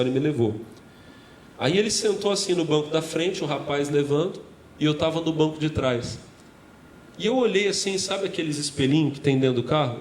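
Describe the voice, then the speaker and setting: A man's voice: fairly high pitch, reverberant, slight background noise, low-quality recording. A man with a Brazilian Portuguese accent preaching a sermon as pastor, calling out to the congregation and joking with them between points. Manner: lively call-and-response with the congregation, joking asides. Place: church.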